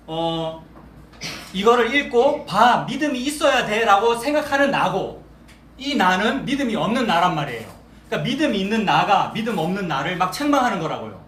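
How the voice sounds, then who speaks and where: A man's voice: high voice, fairly bright tone, a little hiss or hum. A male pastor delivering a sermon in a conversational way, putting rhetorical questions to the congregation. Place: church sanctuary. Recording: echoey church hall with faint ambience.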